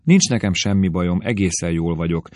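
Young woman in distress, read by a deep-voiced man. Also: darkish tone, no room sound, clean studio sound, close to an everyday voice. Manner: urgent, agitated delivery.

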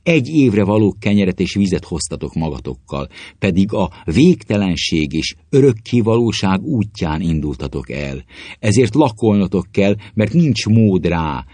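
A man's voice: darkish tone, husky, dry recording, full character voice. A man reading as a haughty visionary alchemist. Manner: rapt, incantatory, sweeping pitch. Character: haughty visionary male alchemist, proud and cold. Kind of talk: audiobook reading.

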